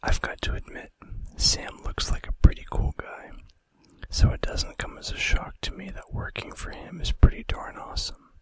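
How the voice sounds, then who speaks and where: A male ASMR video host whispers trivia throughout in a breathy, unvoiced whisper, chatty and informal with casual conversational asides. He talks at normal speed with a pushed, bright tone, and there's no room sound.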